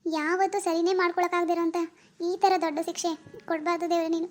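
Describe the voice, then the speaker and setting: Voice actor playing a grieving young wife, weary, bitter, high voice, cartoon drama. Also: flat delivery, fast talker. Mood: despairing. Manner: weary, bitter and self-pitying. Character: grieving young wife who lost her baby.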